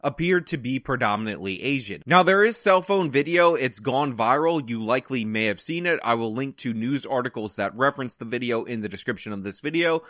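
Male commentary host, opinionated and chatty, mid-pitched, dry close-miked sound. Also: lively intonation, brisk, few pauses, a bit bright, dry recording. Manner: conversational, opinionated asides. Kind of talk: casual news commentary to camera.

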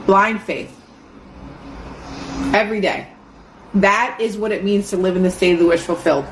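A woman hosting a casual motivational talk, animated and swearing, acting out her own excited inner voice. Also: mid-range voice, moderate pace. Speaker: host. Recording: echoey room with faint noise.

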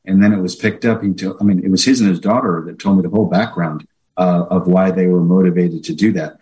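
A man speaking as an interview guest, talking casually with many pauses and fillers. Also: deep voice, fairly even intonation, mellow, low-quality recording.

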